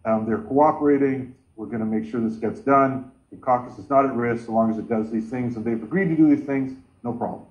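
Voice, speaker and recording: A man's voice: medium pitch, a little fast, few pauses. Man chairing a video-call meeting. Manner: earnest, gesturing with both hands. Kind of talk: online meeting remarks. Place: home room with bookshelves. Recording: dull lo-fi sound from a laptop.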